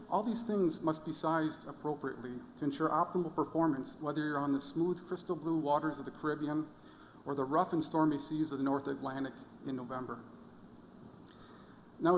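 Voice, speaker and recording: A man's voice: fairly high pitch, slight background noise. A middle-aged man giving a commencement speech, telling stories and addressing the graduates with playful asides. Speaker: commencement speaker. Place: large fieldhouse hall. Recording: echoey hall with long reverb, faint crowd ambience.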